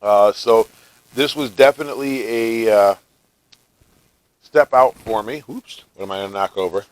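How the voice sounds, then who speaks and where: A man from the United States casually chatting through a home cooking vlog, relaxed and talkative, often tasting food while he speaks. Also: fairly low pitch, normal speed, rough recording. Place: home kitchen.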